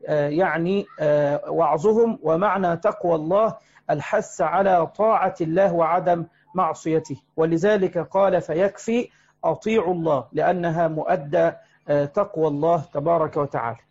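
High-voiced man teaching a religious lesson. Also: creaky, darkish tone. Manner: explanatory, with frequent hesitant fillers. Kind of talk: religious lesson explaining a text. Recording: muffled lo-fi recording.

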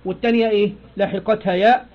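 A man's voice: high-pitched, steady tone, rapid-fire, lo-fi sound. A man with an Egyptian Arabic accent teaching a grammar lesson, explaining step by step and quizzing his listeners with prompting questions.

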